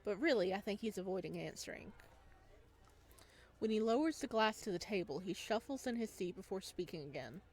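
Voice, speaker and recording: Animated and a little fast, a woman with a mid-range voice plays a visual novel on stream, reading its text aloud and commenting with a playful, giggly manner.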